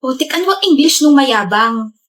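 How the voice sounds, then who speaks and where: A woman acting out a brash young woman who teases and talks back in a comedy skit. Her voice is high and her delivery sassy. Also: lively intonation, normal speed. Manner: sassy, loud and teasing.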